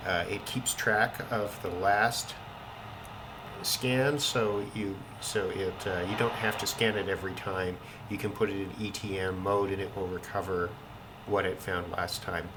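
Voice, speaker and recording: A radio hobbyist demonstrates a receiver at home in a city, his low, steady voice moving a little slowly. He talks casually and without a script, matter-of-fact, thinking aloud as he goes, with noise in the background.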